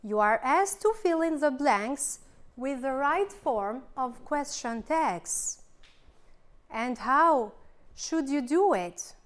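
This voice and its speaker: A woman teaching a recorded English grammar lesson with an Albanian accent, slowly explaining rules and reading out example sentences. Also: high voice.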